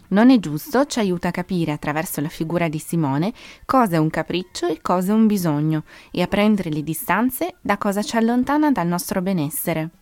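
A woman giving a calm, explanatory talk about children and parenting. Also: on the low side, no echo. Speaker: child development presenter.

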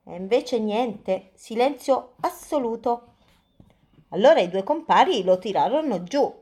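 A woman hosting and reading a children's story aloud in a lively, playful, sing-song way. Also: fairly high pitch, measured pace. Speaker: storyteller host.

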